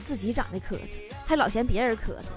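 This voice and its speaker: A woman's voice: fairly high pitch, fast. A woman hosting a comedy show, reading listener messages and answering with teasing punchlines. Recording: loud music bed behind voice.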